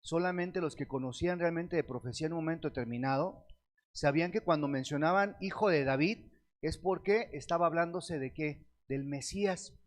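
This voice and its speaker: A man preaching a sermon, reading scripture slowly and asking the congregation questions that he answers himself. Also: on the high side. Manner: reads scripture aloud with slow stretched words; addresses the congregation as beloved brethren.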